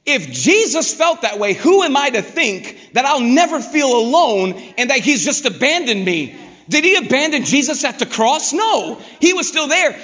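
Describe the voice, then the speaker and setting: A man preaches with a high, bright voice, animated and conversational, slipping into quoted prayers as he goes. His sermon rings out through a large hall with a long, trailing reverb. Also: moderate pace, few pauses. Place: church hall.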